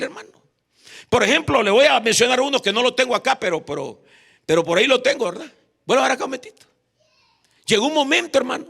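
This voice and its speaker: A Honduran man preaches in a church. His voice sits high and has a gravelly edge, and he keeps pulling the congregation in, asking them to repeat after him. He is bright and forceful. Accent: Honduran Spanish. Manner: repeats "hermano" constantly, calls for responses. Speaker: evangelist preacher. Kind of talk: sermon.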